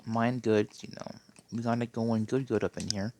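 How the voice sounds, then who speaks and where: A man's voice: medium pitch, steady tone, normal speed, dark tone, no room sound. A man giving casual, rambling gameplay commentary, with a phlegmy throat and a habit of tacking on "okay?". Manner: rambling, keeps clearing his throat, tacks on "okay?". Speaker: Minecraft player.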